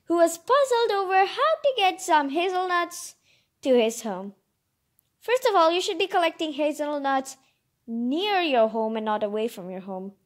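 Reading a picture book aloud with lots of expression, this woman has a high-pitched voice, lively intonation, and a normal speed. She tosses in her own informal, enthusiastic asides, storytelling and chatting in turn.

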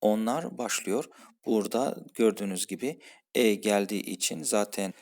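Patient low-voiced man teaching French. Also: normal speed, a little mellow. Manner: patient, repeats each form with its translation. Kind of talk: explaining French grammar for a Turkish-speaking class.

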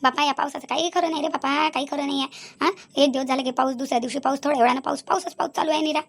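A fretful old village mother-in-law in a cartoon, griping and suspicious. Her voice sits high and the words tumble out at a breakneck clip. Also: steady tone, vocal fry, slight background noise. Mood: worried. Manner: complaining, suspicious, rapid chatter. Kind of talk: cartoon voice acting.

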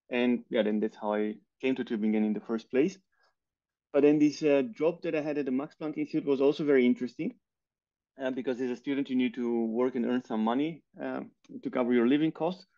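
A man in his thirties from Bulgaria talks through his path as a guest on a video call, thoughtful and with soft laughs between points. His voice sits at an ordinary middle pitch. The headset audio comes through somewhat muffled. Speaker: guest, scientist. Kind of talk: casual interview chat.

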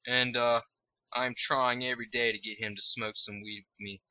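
A tired young man giving rambling, profane let's-play commentary, swinging between mumbling and yelling. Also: medium pitch, flat delivery, normal speed, low-quality recording. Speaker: gameplay commentator.

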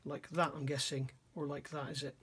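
Middle-aged brit chatting over a model kit at his bench, wonders aloud, kinda high voice. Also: little pitch movement, a little fast, fairly bright tone, slightly rough. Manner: musing, self-questioning, admiring. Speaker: scale model reviewer. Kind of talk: casual hands-on kit review. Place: workbench indoors.

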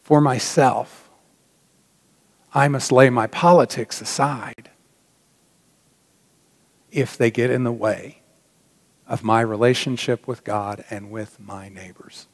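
This sermon comes from a middle-aged pastor at the pulpit, his medium-pitched voice fairly even in intonation, slow and full of frequent pauses. He sounds earnest and reflective, going nearly to a whisper on key points. The big sanctuary gives a long church-hall reverb.

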